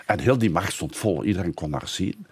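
An older man, a historian, telling a story animatedly in an interview, slowing down for emphasis. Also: sits low, breathy edge. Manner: animated storyteller, slows for emphasis, many fillers. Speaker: historian guest.

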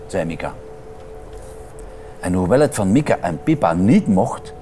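A man reading a children's picture book aloud, expressive and shifting his voice for the characters. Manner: lively, expressive, voices characters with pitch changes. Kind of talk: children's story read-aloud.

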